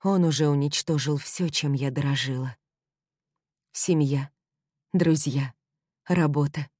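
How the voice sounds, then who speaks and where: A woman's voice: low-pitched, a little slow, darkish tone, slightly rough, no room sound, clean studio sound. A woman narrating a first-person novel in a tense, dramatic way. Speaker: audiobook narrator.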